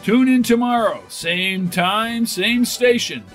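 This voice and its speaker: A man's voice: extremely high pitch, slow, fairly bright tone, soft background music. A man announcing a 1940s radio serial with dramatic, emphatic scripted narration. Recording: noisy vintage 1940s radio recording.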